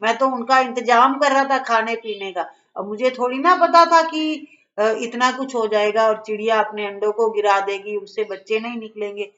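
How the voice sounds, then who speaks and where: Storybook young boy, timid and pleading, read by a woman; higher voice, dull lo-fi sound. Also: normal speed, fairly bright tone, close to an everyday voice. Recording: dull lo-fi recording.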